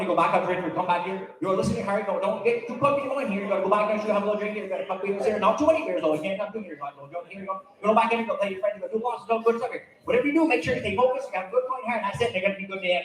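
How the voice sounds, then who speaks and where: A man's voice: high voice, expressive, rapid-fire. A man playing a folksy old hunter with a thick, mumbled Vermont accent, rambling through a live comedy sketch. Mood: earnest, cocksure. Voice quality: thickly mumbled, hard to understand. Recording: very echoey live hall.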